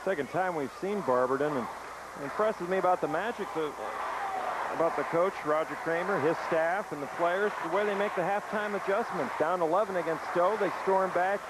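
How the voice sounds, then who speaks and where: A man's voice: high voice, a little fast. A man calling a live basketball game as play-by-play announcer. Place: basketball gymnasium. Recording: noisy live gym broadcast.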